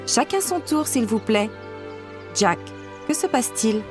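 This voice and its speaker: A woman voicing a gentle, kind young woman in a storybook reading, in a soft, lifted voice. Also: a little high, expressive, a little slow, over music.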